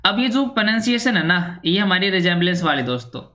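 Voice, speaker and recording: A woman's voice: fairly low pitch, lively intonation, brisk, a bit bright. A woman teaching an English grammar lesson, explaining step by step and filling her talk with constant little check-ins. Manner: repetitive, with constant "theek hai" and "ji" fillers.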